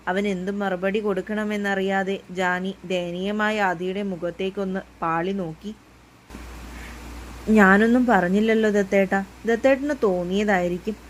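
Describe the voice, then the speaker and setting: A woman narrating a romance story in a gentle, even storytelling manner. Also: mid-range voice, slight background noise. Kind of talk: read-aloud romance narration.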